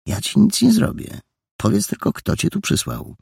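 A man voicing a mysterious, cunning stranger who questions a boy in a gentle, coaxing way. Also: sits high, huge pitch swings, moderate pace, creaky, husky, no room sound, studio quality, pitched above the performer's own voice, full character voice. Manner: gentle, coaxing, then sharp. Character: mysterious grown man, soft-spoken, cunning interrogator.

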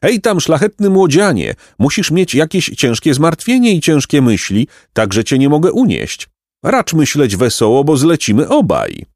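A man's voice: medium pitch, wildly swooping pitch, brisk, darkish tone, dry recording, clean studio sound. A man voicing a pompous, courtly male pelican who speaks with grand politeness and shrieks. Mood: shrieking. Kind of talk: audiobook character voice.

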